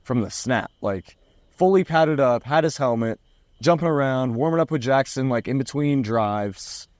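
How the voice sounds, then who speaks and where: A man's voice: medium pitch, normal speed, a little mellow, no room sound, studio quality. A man co-hosting a casual sports podcast, speculating loosely and often saying "like". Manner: speculative, uses lots of "like". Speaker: podcast co-host.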